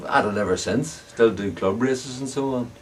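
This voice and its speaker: A medium-pitched man speaks at normal speed in an Ulster accent, an older Northern Irishman around 70 or above. He's a bicycle frame builder and veteran club cyclist looking back casually in an interview, captured on a distant mic with clear background noise.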